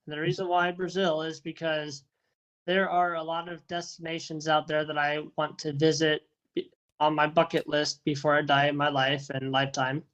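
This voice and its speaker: A first responder and dog handler answers interview questions over a video call in a casual, friendly, rambling way, often repeating and restarting his words. His voice is a little high and fairly bright, with flat delivery at a moderate pace, and the highs are cut off.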